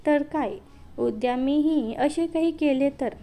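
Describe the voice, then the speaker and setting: A woman voicing a cold, firm younger brother in a read-aloud story, in her own slow reading voice. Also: high voice, mellow. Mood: cold insistent.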